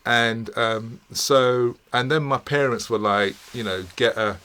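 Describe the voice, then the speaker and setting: A middle-aged man, a podcast guest telling his story in a studio with many pauses, fillers and repeated words. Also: mid-range voice, sharp tone, clear, resonant tone. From England. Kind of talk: casual interview storytelling.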